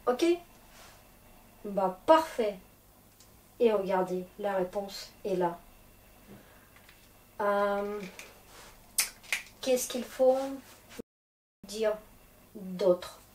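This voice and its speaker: A woman teaching a language lesson at a slow, deliberate pace, regularly stopping to ask whether everyone is following. She is a native Russian speaker and sits well back from the mic. The room has a noticeable echo and a faint hiss in the background. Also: mid-range voice, darkish tone. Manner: patient, checks understanding often. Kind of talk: classroom lesson. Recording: echoey room, distant mic, faint noise.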